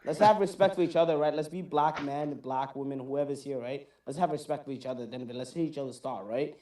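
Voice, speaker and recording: A man's voice: on the high side, fairly quick, dark tone, roomy sound, recorded from a distance. A half Somali, half American man on a heated debate panel who keeps pleading for respect and tagging "right, brother?" onto his points.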